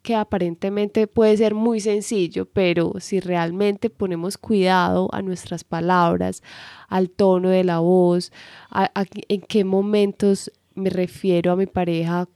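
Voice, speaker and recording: Mellow-voiced woman explaining calmly. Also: on the low side, unhurried, no room sound, clean studio sound. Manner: calm and explanatory, some false starts. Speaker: co-host and relationship coach. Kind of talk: casual advice talk to viewers.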